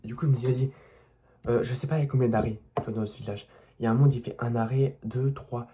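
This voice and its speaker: A man's voice: medium pitch, steady tone, fast, noisy background. A young man from France telling a personal story in a rambling, unscripted way, full of restarts and asides to the listener. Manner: rambling, many restarts and fillers, addresses listener directly. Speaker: vlogger.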